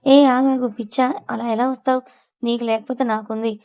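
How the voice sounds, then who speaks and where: A woman doing a mischievous young wife in a spoken storybook, sassy and quick to scheme. Her voice sits slightly high and mellow. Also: flat delivery, natural voice.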